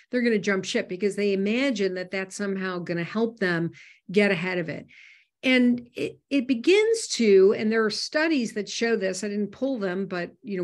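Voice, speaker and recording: A woman hosting a personal finance webinar, talking in a loose conversational way with frequent fillers and restarts. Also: mid-range voice. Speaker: host.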